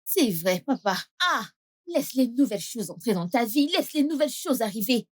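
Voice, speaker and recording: A woman's voice: on the high side, sing-song, normal speed. A woman playing a bossy, eager daughter. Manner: bossy, pleading. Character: eager daughter giving orders. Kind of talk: dubbed film acting.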